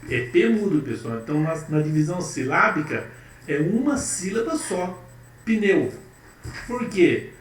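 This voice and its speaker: A man's voice: a little high, very animated, faint music behind. A man teaching a grammar lesson, repeating words and checking in with his students. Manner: slow, emphatic, repeats words and asks "certo?". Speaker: Portuguese teacher. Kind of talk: classroom lesson. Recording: echoey, distant mic with faint noise.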